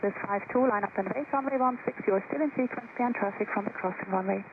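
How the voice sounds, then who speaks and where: Quick female tower controller over tinny radio. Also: mid-range voice. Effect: radio transmission. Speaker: air traffic controller. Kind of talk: procedural air traffic clearances. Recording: tinny, noisy aviation radio.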